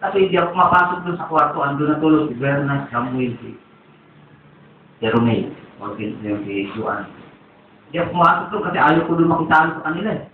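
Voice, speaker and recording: Preacher sa malayong tinny na recording. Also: male voice, fairly high pitch, a little fast, slight background noise. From Philippines. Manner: rambling storytelling. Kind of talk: testimony sermon. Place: church. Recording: tinny echoey distant church recording.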